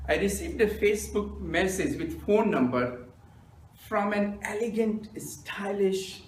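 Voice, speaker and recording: A man, telling self-mocking jokes in a deadpan storytelling manner as a humorous club speaker. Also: high voice, a little slow, a little hiss or hum. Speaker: stand-up speaker. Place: meeting room with audience. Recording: echoey room from a distance.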